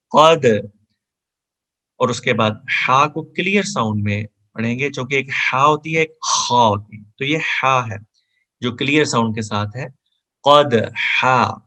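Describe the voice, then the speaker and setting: A man with a bright, clear voice leads an online Quran lesson. He explains each letter patiently, then chants the verse slowly for students to repeat. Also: medium pitch. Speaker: Quran teacher.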